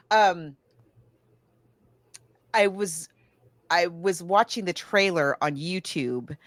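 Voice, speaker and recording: A woman co-hosting a podcast chats casually about films, chatty and emphatic. Her voice is on the low side, animated, pushed and bright, and she speaks very slowly with frequent pauses, with no room sound.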